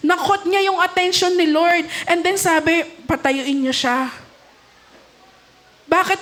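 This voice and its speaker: A young woman with a Filipino accent preaching a sermon, lively, often asking the congregation questions and joking with them. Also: extremely high pitch. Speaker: youth leader preaching at a cell celebration. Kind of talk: sermon in Taglish.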